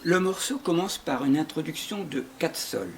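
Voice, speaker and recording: A man with a fairly high, animated voice teaches a guitar lesson step by step at normal speed, patiently explaining chords and rhythm and singing short phrases to demonstrate. Guitar plays along, with a little hiss or hum in the audio.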